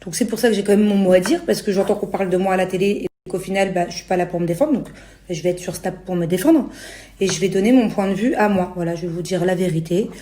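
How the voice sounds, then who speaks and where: A woman's voice: mid-range voice, fast, dark tone. A young adult woman from France talking casually to her followers, exasperated and justifying herself in colloquial slang. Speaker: reality TV personality. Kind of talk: casual spoken rant to followers. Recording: roomy echo on the voice.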